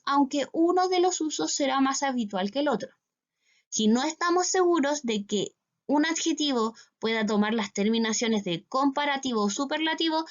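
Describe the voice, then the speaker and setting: A woman's voice: sits high, muffled recording. A Chilean woman teaching English to schoolchildren in a recorded class, explaining step by step and often checking with "¿cierto?". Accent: Chilean Spanish.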